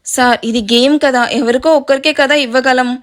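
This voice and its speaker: A woman's voice: sits high, moderate pace, natural voice. A woman reading the lines of a spirited, bossy young woman who teases and lectures. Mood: teasing. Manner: lively, teasing, lecturing.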